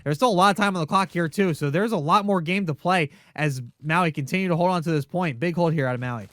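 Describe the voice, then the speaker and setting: Fast, high-voiced male esports caster. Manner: rapid excitable calls. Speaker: play-by-play caster. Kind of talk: esports play-by-play commentary.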